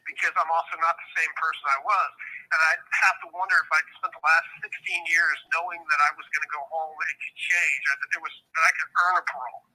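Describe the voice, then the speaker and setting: A man calls in on a prison phone line from his cell and answers interview questions. His talk is blunt and profane, full of fillers and restarts. His tone is very bright and sharp and sits a little high. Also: steady tone, fast talker, husky. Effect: prison phone call. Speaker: prison inmate being interviewed.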